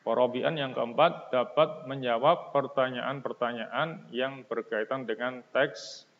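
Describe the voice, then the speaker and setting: A man teaching an Arabic lesson, slowly explaining each phrase and translating it. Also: medium pitch, steady tone, long reverb tail, narrow, tinny audio. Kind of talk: recorded classroom lesson.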